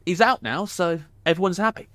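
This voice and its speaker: A man's voice: sits high, fairly quick, fairly bright tone, dry recording. An actor playing an earnest, boastful ex-undercover cop, narrating his tale as a comedy podcast host. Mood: casual, explaining. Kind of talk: comic scripted narration.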